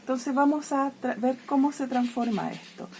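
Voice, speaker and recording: A woman teacher with a somewhat high voice walks through a grammar lesson step by step. She keeps checking in with her class with a short "¿ya?" and makes the rules vivid by treating letters as characters that clash and die off. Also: steady tone, normal speed, a little mellow, a little hiss or hum. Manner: checks in constantly with "¿ya?"; playful, personifies letters dying and fighting. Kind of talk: explaining Greek grammar lesson.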